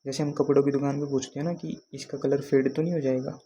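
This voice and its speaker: A man's voice: medium pitch, little pitch movement, quick pace, vocal fry, mellow, slight background noise. A man from Haryana teaching an exam prep lesson, patiently repeating questions to his students. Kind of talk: explaining lesson.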